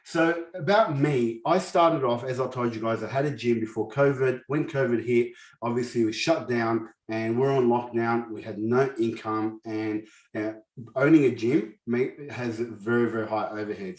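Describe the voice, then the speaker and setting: Recorded poorly in a reverberant space, this summit speaker has a mid-range, darkish voice and a lisp. In his forties and not a native English speaker, he grew up in a war-torn country and was raised in Australia. He tells earnest personal stories for motivation, restarting himself often.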